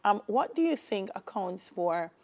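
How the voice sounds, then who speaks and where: A woman's voice: mid-range voice, big pitch swings, a little slow, a little mellow. A woman, a TV host asking questions in a conversational morning show interview. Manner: conversational, prompting questions with fillers. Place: TV studio.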